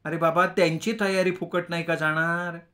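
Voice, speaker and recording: A man's voice: fairly high pitch, flat delivery, moderate pace, pushed and bright, pitched above the performer's own voice. A man voicing an older mother who fusses and coaxes her son. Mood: coaxing. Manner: coaxing, fussing. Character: fussing mother, older woman.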